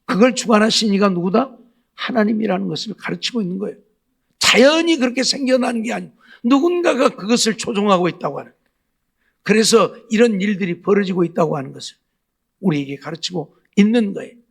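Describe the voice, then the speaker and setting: A man's voice: high-pitched, lively intonation, a little fast, creaky, husky. A male pastor preaching a Sunday night sermon, asking the congregation rhetorical questions again and again. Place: church sanctuary.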